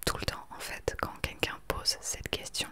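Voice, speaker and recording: A woman in her late twenties talking earnestly and with conviction in a soft whispered ASMR chat into a desktop microphone. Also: moderate pace. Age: 20s. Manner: earnest, opinionated. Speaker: ASMR creator. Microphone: desktop USB microphone.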